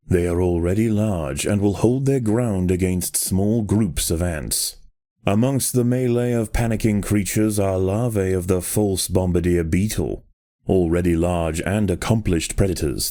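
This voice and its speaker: With a deep, mellow voice, a man narrates a nature documentary for a game, giving his scripted lines grave, measured drama. The sound is dry and intimate, with no room sound at all.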